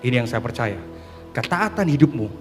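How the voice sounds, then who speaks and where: A man's voice: mid-range voice, big pitch swings, a little fast. A man pastor preaching a dramatic sermon to a congregation, often calling out to his listeners as "sir". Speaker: pastor giving a testimony sermon. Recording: long hall reverb with faint music.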